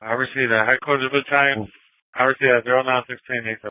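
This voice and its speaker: Guy dispatching fire units over a walkie talkie, quick clipped calls, tinny dry radio sound. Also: medium pitch, fairly even intonation, dry recording. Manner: rapid, clipped dispatch cadence. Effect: heard over a walkie-talkie radio.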